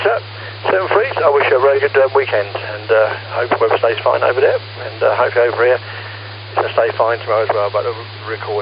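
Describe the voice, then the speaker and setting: A man talks over shortwave radio in a casual ham operator style. He is a little hesitant and hands over as he finishes. The link is dull and clearly noisy, with hum under his voice. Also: medium pitch. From England. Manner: hesitant, ends turns with "over". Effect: shortwave radio transmission.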